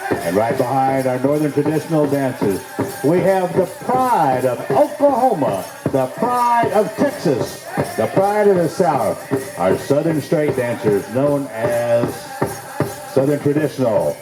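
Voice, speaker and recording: A man's voice: mid-range voice, sing-song, unhurried. A man working as a powwow emcee, announcing dancers into the arena with folksy, celebratory introductions. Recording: echoey arena sound with music behind.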